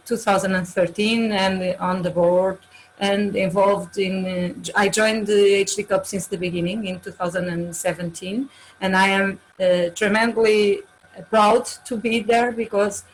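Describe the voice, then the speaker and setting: A woman's voice: mid-range voice, fairly even intonation, unhurried, slight background noise, rough recording. A woman in her forties with a Portuguese accent, introducing herself as a webinar panelist on a video call and often hesitating as she searches for her words in English. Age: 40s.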